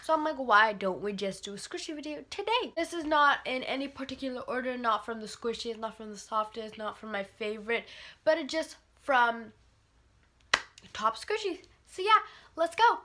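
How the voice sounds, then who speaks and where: A teenage girl with a fairly high, sharp voice and lively intonation reviews toys in her bedroom at a normal speed, sounding congested from a cold. She rambles casually with many fillers in this product review vlog, and there's a little hiss or hum.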